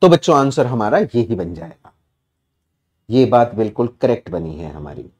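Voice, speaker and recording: A man's voice: mid-range voice, very animated, normal speed, a little mellow. A man with an Indian English accent teaching an online exam-prep English class, explaining answers step by step and quizzing his students.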